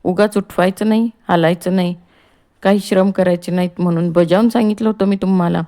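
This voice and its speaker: A woman's voice: lowish voice, steady tone, fairly quick, mellow, close to an everyday voice. A woman reading the part of a male doctor who firmly tells his patient to rest. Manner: firm, admonishing. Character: calm male doctor, firm, reassuring.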